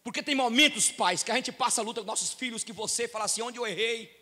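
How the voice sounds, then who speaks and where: Brazilian pastor preaching in an echoey church. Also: male voice, quick pace. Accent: Brazilian Portuguese. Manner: swings from quiet low storytelling to loud shouted appeals. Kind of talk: sermon. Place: church hall with long reverb.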